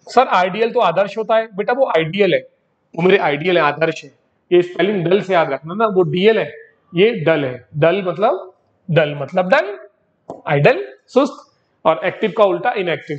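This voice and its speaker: A male teacher giving a vocabulary lesson, repeating words in drills and calling his students "beta.". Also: high-pitched. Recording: dull lo-fi recording.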